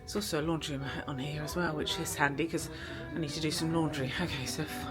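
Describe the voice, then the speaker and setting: Chatty British woman, low voice, music behind. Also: steady tone, quick pace. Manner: chatty, rambling, many fillers. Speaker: travel vlogger. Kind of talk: casual vlog chat. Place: aboard a cruise ship, indoors. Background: music playing.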